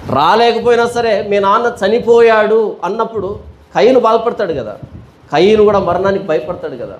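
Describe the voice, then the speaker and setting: A man's voice: high voice, animated, normal speed. A male pastor teaching a Bible study sermon, asking rhetorical questions and repeating them, with everyday storytelling examples.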